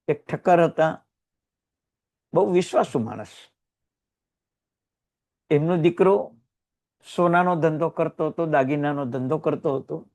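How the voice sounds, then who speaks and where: A Gujarati man preaching with surging emotion. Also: fairly high pitch. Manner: emotional storytelling with sudden rises and hushed drops. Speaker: Jain religious teacher. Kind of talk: sermon.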